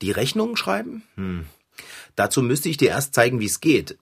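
An actor playing a good-natured, harried man who lives with a talking cat, in a children's audio play; chatty and easily puzzled, with a husky voice. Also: mid-range voice, huge pitch swings, moderate pace, fairly bright tone, heavily acted. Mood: bemused.

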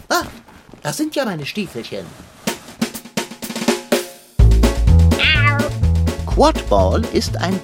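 A man voicing a pompous, grandiloquent male house cat in a children's audio drama, speaking in old-fashioned, lofty phrases. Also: fairly high pitch. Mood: boastful, grand.

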